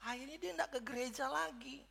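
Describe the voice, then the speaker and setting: A man's voice: very high voice, a little fast, vocal fry, bright, forceful tone. A man preaching a sermon to his congregation, speaking to them directly and building to emphatic peaks. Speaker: pastor. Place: church service.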